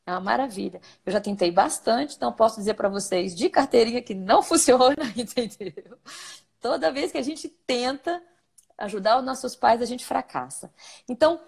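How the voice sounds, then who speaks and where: A woman's voice: a little high, expressive, normal speed, vocal fry, darkish tone, breathy edge. A Brazilian woman therapist explaining ideas in a conversational interview, asking and answering her own questions.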